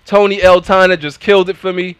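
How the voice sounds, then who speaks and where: A man streaming a game, loudly ranting and repeating himself at his teammates, worked up and near-hysterical. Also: high voice, flat delivery, fairly quick, clean tone, no echo, soft background music. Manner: loud, exasperated, repeats himself, yells at teammates. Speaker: gaming streamer. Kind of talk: ranting live stream commentary.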